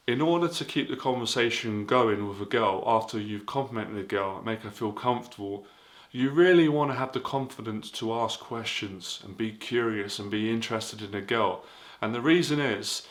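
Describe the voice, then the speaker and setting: A man's voice: fairly low pitch, fairly bright tone. A man giving casual dating advice in an earnest, repetitive way, full of fillers. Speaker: dating coach.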